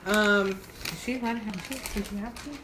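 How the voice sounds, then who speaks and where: Medium-pitched and brisk, a woman chats her way through an informal home kitchen cooking demo, thinking aloud in a loose, giggly, tipsy fashion. Noise from the kitchen runs through the home recording.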